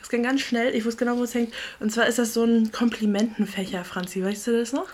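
A woman in her twenties co-hosting a podcast in casual chat, playful and teasing, quick to laugh. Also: a little high, flat delivery, darkish tone. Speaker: podcast co-host.

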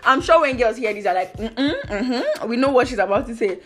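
Lively young Nigerian woman telling stories. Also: fairly high pitch, normal speed. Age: young adult. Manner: expressive, acts out quoted dialogue. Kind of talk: casual anecdote-telling.

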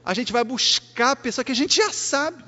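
A man lectures with emphasis, repeating his phrases for effect. His high voice swings widely in pitch. The recording has a long hall reverb and a dull, lo-fi sound. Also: expressive, normal speed, sharp tone. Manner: emphatic and repetitive, with acted quotes. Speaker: Spiritist lecturer. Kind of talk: public lecture.

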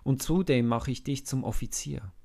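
A man voicing a proud older king who speaks in measured, solemn tones in a storybook reading. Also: mid-range voice, creaky, a little mellow, breathy edge, pitched above the performer's own voice. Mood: approving.

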